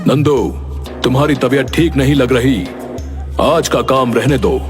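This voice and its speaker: A man's voice: mid-range voice, steady tone, unhurried, music in the background, natural voice. Man playing a stern, exasperated god of death. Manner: commanding, exasperated. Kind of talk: Hindi cartoon dialogue.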